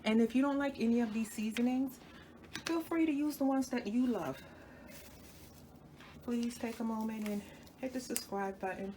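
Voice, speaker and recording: Speaking at a fairly high pitch and normal speed, a woman with a dark tone leaves long pauses, and a little hiss or hum sits under the recording. She hosts a cooking channel, chatting casually to viewers while she demonstrates a recipe in her home kitchen. A cold makes her sound a little stuffy, and she keeps correcting herself as she works.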